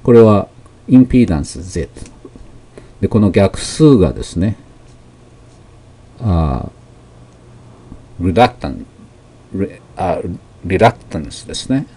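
Low, mellow-voiced male math teacher. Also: big pitch swings, slightly rough. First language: Japanese. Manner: slow, explanatory, with many fillers and pauses. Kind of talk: lecture explaining technical English terms.

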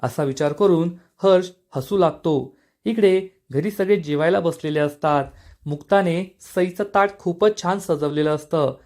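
Reading from a script, a man with a slightly elevated pitch recaps a television serial at a measured pace. The narration is calm and level throughout, with quoted lines spoken in a plain way.

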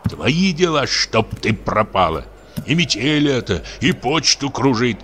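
A man's voice: mid-range voice, very animated, unhurried, fairly bright tone, slight background noise. A man voicing a frightened, superstitious village deacon who grumbles and rants tearfully. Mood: ranting. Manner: grumbling, accusing, tearful muttering.

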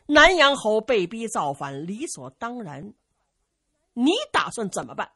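A woman voicing a steady older village man who speaks slowly and gravely as a calm advisor. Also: mid-range voice, no room sound, clean studio sound, full character voice. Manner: slow, measured, grave.

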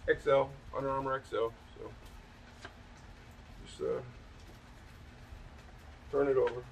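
A man's voice: mid-range voice, fairly even intonation, slow pace, recorded from a distance, slight background noise. A man chatting casually as he shows his thrift finds, rambling with many fillers and restarts, outdoors on a back porch at night. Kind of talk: casual vlog show-and-tell.

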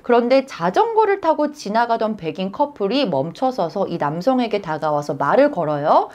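A woman's voice: mid-range voice, normal speed, lo-fi sound. A woman hosting a news channel, telling a story in a chatty way and acting out what people said with sudden exclamations. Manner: animated, acts out quotes with sudden exclamations. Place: lives in Queens, New York.

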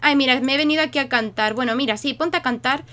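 A woman's voice: high voice, fast talker, fairly bright tone. A young woman, chatting playfully through a life-sim game for her viewers and talking to her characters. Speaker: gaming YouTuber. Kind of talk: casual game commentary.

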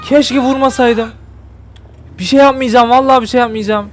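Guy streaming a game, really high voice, keeps begging and saying sorry to the character. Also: steady tone, normal speed, slight background noise. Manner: talks to the game character, pleading and apologetic. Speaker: gameplay streamer. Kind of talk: casual gameplay commentary.

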